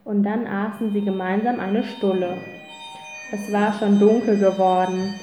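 Woman narrating a children's novel, slow and calm, echoey with a phone-line tinniness. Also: medium pitch, soft background music. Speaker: audiobook reader. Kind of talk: reading a children's novel aloud. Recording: roomy, tinny phone-like sound.

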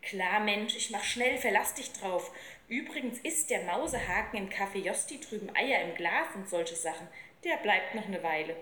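A woman's voice: medium pitch, lively intonation, moderate pace, bright, forceful tone, slight background noise. A woman reading aloud, voicing a cheeky, slangy street boy. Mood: brash. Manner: brash, slangy, eager. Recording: roomy with faint ambience.

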